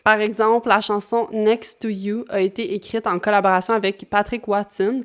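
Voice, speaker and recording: A woman with a Québécois French accent narrates her vlog in a relaxed, conversational way. She drops casual slang asides as she goes, and her voice sits at an ordinary mid pitch. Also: normal speed. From Quebec. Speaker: YouTuber host.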